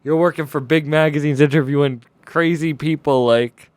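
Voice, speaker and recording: A man's voice: a little high, fairly even intonation, moderate pace, darkish tone, clear, resonant tone, no room sound. A man in his twenties hosting a podcast, talking in a laid-back, rambling way full of "like". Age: 20s. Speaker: podcast host. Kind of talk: casual podcast conversation.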